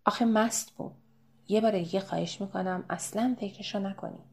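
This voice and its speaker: A woman voicing a big, calm man who defends the barmaid, in an audiobook. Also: sits high, gravelly. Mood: courteous.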